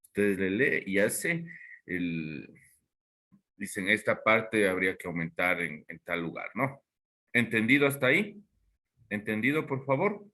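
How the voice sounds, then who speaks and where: A man's voice: on the low side, lively intonation, measured pace, bright, forceful tone. A man, a teacher giving class instructions and checking that students understood. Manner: explaining, checking understanding with questions.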